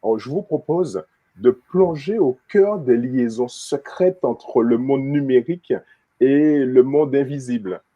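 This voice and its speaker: A man's voice: mid-range voice, measured pace, dull audio. A man hosting a talk show, introducing the topic with a string of rhetorical questions. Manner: rhetorical questions, laughs easily. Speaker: host.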